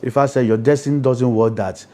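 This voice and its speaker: An Ifa priest being interviewed as a guest explains things emphatically with a Nigerian Yoruba accent, repeatedly checking that his listener follows. His voice is dark and mellow, medium-pitched, with fairly even intonation and a brisk pace.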